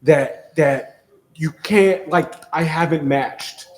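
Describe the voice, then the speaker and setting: A man chatting casually as a guest, recounting an experience in an animated way and repeating phrases for emphasis. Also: fairly high pitch, slow. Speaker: podcast guest.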